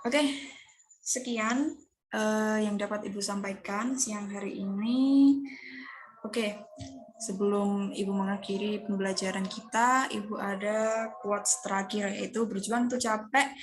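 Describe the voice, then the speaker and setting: A female teacher addresses an online class. Her voice is mid-pitched, and she speaks with some hesitation in an encouraging way. There is faint noise behind her on the video call. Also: steady tone, takes it slowly, long pauses. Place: online Zoom meeting.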